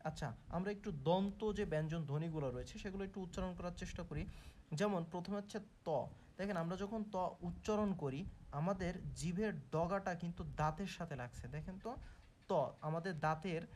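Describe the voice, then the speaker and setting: A man's voice: sits high, brisk, darkish tone, a little hiss or hum. A young man teaching an online grammar lesson, explaining patiently step by step and repeating key points. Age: young adult. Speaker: tutor.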